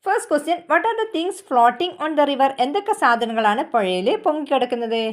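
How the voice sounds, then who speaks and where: A woman with a Malayali accent teaches a children's textbook lesson in a slightly high voice. She reads each English line slowly and carefully, then explains it briskly in her own words. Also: animated.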